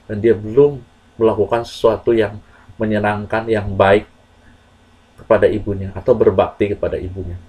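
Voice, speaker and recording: A man telling a moral story to children in a slow, earnest, measured way with pauses. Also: fairly low pitch, level tone, warm tone, husky, rough recording.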